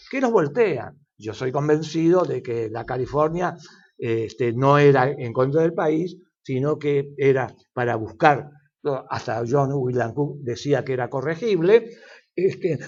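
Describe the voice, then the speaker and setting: An older man with an Argentine Spanish accent, appearing as an expert guest in an interview, lectures at length with frequent fillers and restarts. His voice is fairly high with a darkish tone, and the audio is dull.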